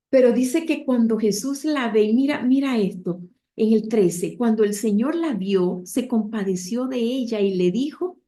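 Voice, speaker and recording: Heartfelt woman preacher, warm higher voice. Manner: heartfelt, storytelling, addresses listeners directly. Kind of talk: emotional Bible teaching.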